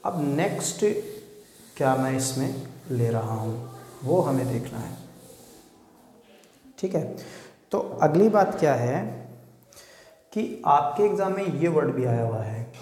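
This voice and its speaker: A man's voice: medium pitch, darkish tone. A man teaching an exam-prep grammar lesson, explaining patiently and checking in with his students. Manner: explanatory, repeats points, checks with "ठीक है". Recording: echoey room with long reverb.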